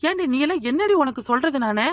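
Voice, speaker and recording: A woman's voice: high voice, lively intonation, fast talker, dry recording, studio quality. A woman voicing a blunt, sarcastic village woman who scolds in a cartoon. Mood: scolding. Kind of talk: cartoon voice acting.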